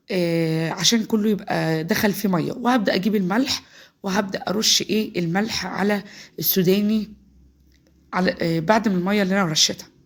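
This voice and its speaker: An Egyptian woman with a cold chats her way through a home cooking tutorial in her home kitchen, guiding viewers step by step. Her voice is medium-pitched and husky, altered by the cold.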